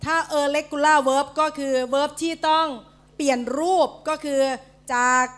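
High female English teacher from Thailand, very slow, drills single words for students to repeat in a school hall. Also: fairly bright tone. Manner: calls out words one at a time for the class to repeat. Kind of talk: classroom pronunciation drill.

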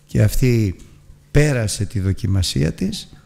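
Gravelly man teaching a Bible lesson. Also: medium pitch, animated, a little mellow. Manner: earnest storytelling with emphatic rises and drops; addresses listeners as brothers. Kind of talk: Bible lesson retelling a scripture story.

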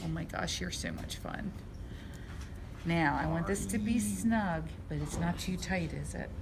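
An older female nurse with a slightly low voice, reassuring and joking as she chats with a patient. The phone recording has clear room noise behind her. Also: a little slow. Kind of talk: casual chat with a patient. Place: small indoor surgical recovery room. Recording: noisy phone video in recovery room.

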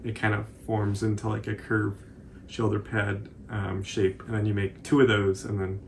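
A man's voice: fairly low pitch, completely flat delivery, normal speed, a little hiss or hum. A man in his twenties with an American accent, chatting casually through a craft tutorial as host. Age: 20s. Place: small indoor room at home, on a couch.

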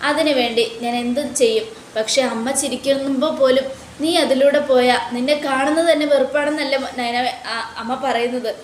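A woman voicing a gentle young hospital patient. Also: high-pitched, fairly even intonation, moderate pace, reverberant, slight background noise, close to an everyday voice. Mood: tender.

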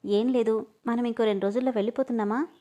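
A woman's voice: fairly high pitch, fairly even intonation, fast, dark tone, lightly acted. A woman reading the part of an emotional young woman who pleads and cries, in a storybook. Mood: pleading.

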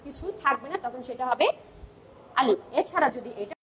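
A woman's voice: high voice, expressive, a crowd in the background. A woman teaching an online class with a Bangladeshi Bengali accent, calling out letters one by one and asking her pupils questions as she goes. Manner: slow, drilled recitation of letters with questions to pupils.

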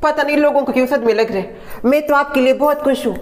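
A man's voice: extremely high pitch, fast talker. A man voicing a bold, dramatic young woman who teases in a theatrical way and mixes in English words. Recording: echoey room, faint music.

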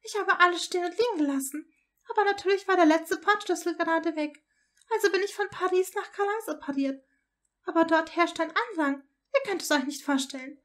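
A woman's voice: very high-pitched, brisk, a bit bright, pitched above the performer's own voice. A woman voicing a fussy aristocratic older witch, a chatty grandmother who gushes in a raised voice. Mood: chatty, exasperated.

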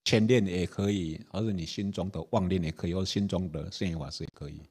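A man's voice: low voice, fast, a little mellow, breathy edge. A man, a Buddhist monk teacher, giving a dharma talk with anecdotes, chatty, laughing and checking whether the audience follows.

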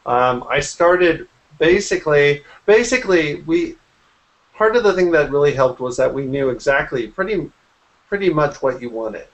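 With lively intonation and a slightly high voice, a graphic artist in his forties casually walks through his work for an interviewer on a video call from home. He speaks at a moderate pace, and the computer-mic audio sounds dull.

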